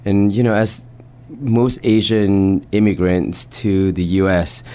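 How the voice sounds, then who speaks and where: A man from Vietnam who grew up in the US, answering interview questions as a founder in a thoughtful, measured way. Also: fairly low pitch, steady tone, dark tone, clean tone. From Vietnam, raised in the US Bay Area. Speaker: guest, company founder.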